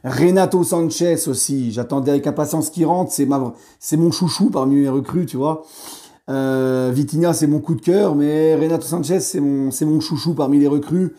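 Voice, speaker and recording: A man with a hoarse voice giving a heated post-match debrief as a football fan, animated and swearing freely. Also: on the high side, moderate pace. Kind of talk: post-match vlog rant.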